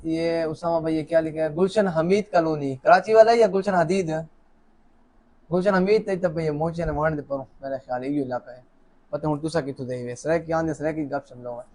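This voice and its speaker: A chatty man with a slightly high voice hosts a live lucky draw at normal speed, sitting alone at a camera in an office. He jokes, greets viewers warmly, and reads out names in a casual live-stream style.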